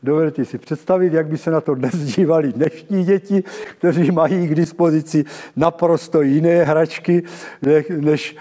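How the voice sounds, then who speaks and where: An elderly man giving a public lecture, halting and correcting himself as he addresses his listeners. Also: fairly high pitch, mellow. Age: 70s. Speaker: lecturer on local theatre history. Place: large dim auditorium with stage and seated audience. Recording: reverberant hall, long echo.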